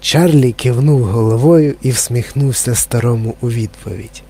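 A man narrating a children's story in a calm, even reading. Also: medium pitch, moderate pace, breathy edge.

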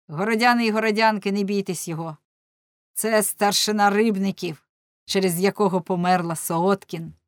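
A woman's voice: lowish voice, no room sound, clean studio sound. Bold young hero, as a woman reads him. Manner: forceful, declaiming. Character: young male prankster hero, bold and accusing.

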